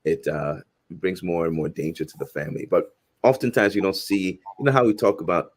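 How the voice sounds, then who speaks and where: A man in his forties, originally from Haiti, speaks in a very low voice. He talks earnestly and thoughtfully as an interview guest, often starting a phrase over before finishing it. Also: brisk. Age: 40s. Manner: earnest, reflective, frequent restarts. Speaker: guest filmmaker and professor. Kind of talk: casual interview conversation.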